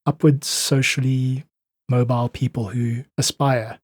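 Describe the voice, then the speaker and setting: This South African man, an independent musician on a podcast, talks in a mid-range voice with a flat delivery and a slightly slow pace, thoughtfully and earnestly offering his opinions in a reflective interview. The sound is studio quality with no room sound.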